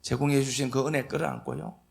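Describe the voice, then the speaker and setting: A man preaching a sermon as pastor, telling the story vividly and swinging between loud emphasis and soft asides. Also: medium pitch, fast, gravelly. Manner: lively storytelling, acting out dialogue.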